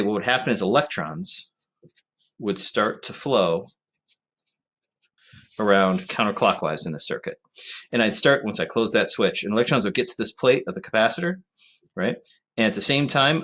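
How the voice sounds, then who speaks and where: Casual lecturing man, lowish voice. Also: a bit bright. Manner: conversational, frequent fillers and "right?" check-ins. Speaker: physics teacher. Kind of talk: recorded classroom lecture.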